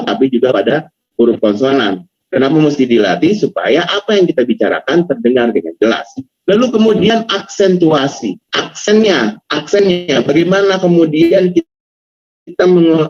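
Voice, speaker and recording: A man's voice: mid-range voice, a little mellow. A young man teaching public speaking in an online workshop, stressing words to demonstrate intonation and slipping into casual slangy asides. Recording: lo-fi video call audio.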